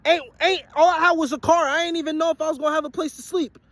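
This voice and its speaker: A young man in his twenties delivers a profane motivational rant straight to his viewers in a strikingly high voice. He talks bluntly and hammers each point with repetition, worn and sweaty from a long shift. The sound is close and dry. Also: fairly even intonation, quick pace, fairly bright tone, no echo. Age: 20s. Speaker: vlogger and aspiring musician.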